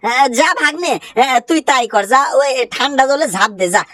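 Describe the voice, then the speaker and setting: A bossy maternal uncle, played by a woman who scolds and threatens his nephew, then sulks. The voice is rather high for a man. It is dry and close, a game fan dub. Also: lively intonation, normal speed, fairly bright tone, no room sound. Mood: scolding. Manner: scolding, threatening, mock-tearful.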